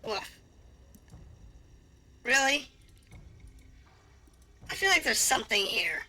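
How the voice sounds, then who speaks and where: Woman streamer, very bright and sharp tone, hesitant reading of game lines with fillers and the odd animal noise. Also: mid-range voice, normal speed. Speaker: gameplay streamer reading dialogue aloud.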